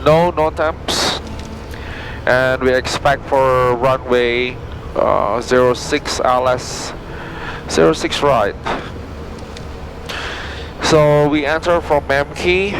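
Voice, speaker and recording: A man from Indonesia, an airline pilot, narrating and briefing from the cockpit in informal, halting non-native English. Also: mid-range voice, steady tone, noisy background. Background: music.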